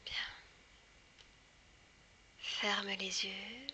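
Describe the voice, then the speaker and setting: A woman guiding a hypnosis session in a hushed, breathy whisper right in the listener's ear, soothing and deliberate with long pauses. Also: medium pitch, fairly even intonation, slight background noise. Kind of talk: guided hypnosis, soft ASMR delivery.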